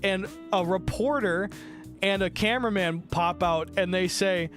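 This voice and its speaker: A man live-streaming from home, telling a wild story in an excitable, profane rush and tossing in quick voices for other people. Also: high-pitched, soft background music.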